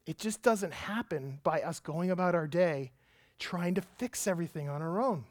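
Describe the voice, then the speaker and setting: Animated pastor man, dry close sound. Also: on the high side, moderate pace, no echo. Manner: animated, emphatic storyteller. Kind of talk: sermon with personal storytelling.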